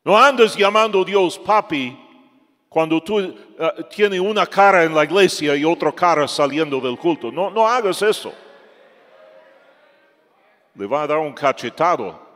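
A man's voice: on the high side, lively intonation, unhurried. Emphatic man preaching a sermon. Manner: emphatic, swings from loud to soft. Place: church hall. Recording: long church reverb.

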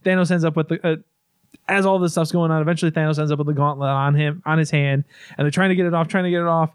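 A man's voice: on the high side, fairly even intonation, quick pace, clean tone, no room sound, studio quality. Rambling man recapping a movie casually. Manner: rambling, full of fillers and restarts, swears casually.

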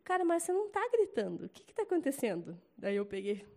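Young brazilian woman telling a church story, high voice, chatty and animated, brazilian accent. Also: fast, slight background noise. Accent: Brazilian Portuguese. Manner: chatty, animated storytelling with loud acted quotes. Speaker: church member giving a testimony. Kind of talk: casual testimony talk.

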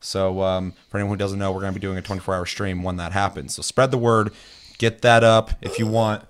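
A man's voice: low-pitched, level tone, brisk, clear, resonant tone. A hungover man hosting a casual gaming podcast, joking and swearing as he struggles a little to get his words out. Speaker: podcast host.

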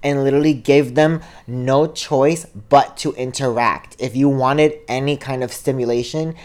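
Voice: medium pitch, fairly even intonation, moderate pace, a little mellow. Young co-host, loose and chatty, talks in filler-heavy run-ons into a podcast mic. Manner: rambling, heavy on "like" and "um". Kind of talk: casual chat. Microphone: podcast studio mic.

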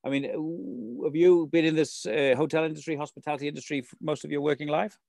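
A man's voice: a little high, steady tone, quick pace, creaky, a little mellow, no room sound, studio quality. A man hosting a local show, putting chatty, rambling interview questions in a conversational way.

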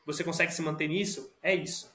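A man's voice: fairly high pitch, fairly even intonation, quick pace, bright, forceful tone. A Brazilian man speaking as a podcast guest in a casual, reflective conversational way. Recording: roomy echo.

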